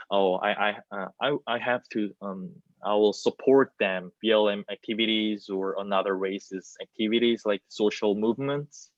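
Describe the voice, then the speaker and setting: This theater student, a man in his twenties from South Korea, speaks with a fairly low pitch and a Korean accent, answering hesitantly in non-native English during an online panel, halting and repeating himself. Recorded over a video call with wireless earbuds in a small plain indoor room, the audio is muffled but has no echo.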